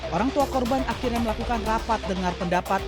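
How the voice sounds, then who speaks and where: A woman's voice: a little high, fast talker. A woman reads scripted news narration as a television reporter. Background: music under the voice.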